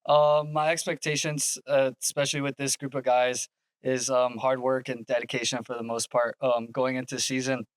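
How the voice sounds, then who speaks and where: A men's soccer coach answers questions in a measured way, pausing often. His voice is smooth and clear with little movement in pitch. The sound is dry and close. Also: little pitch movement, dry recording. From Yakima, Washington. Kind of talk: interview answers.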